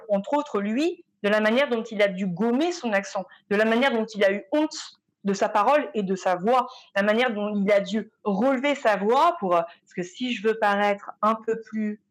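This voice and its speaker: A woman artist speaking as a panel guest, in a lively, colloquial way with some fillers. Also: medium pitch. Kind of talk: panel discussion.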